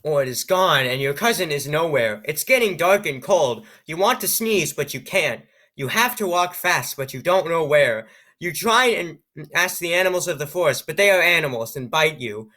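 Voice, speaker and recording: A man's voice: fairly high pitch, lively intonation, normal speed, bright, forceful tone. A man reading an AI-written story aloud, breaking off for sarcastic, amused comments and stumbling over odd words. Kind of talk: reading aloud with joking asides.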